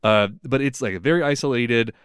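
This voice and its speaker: Smooth-voiced young man chatting casually. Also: medium pitch, moderate pace, a bit bright, dry recording, studio quality. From United States. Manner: rambling storyteller, filler-heavy, lots of "like". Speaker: podcast host. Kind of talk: casual chat.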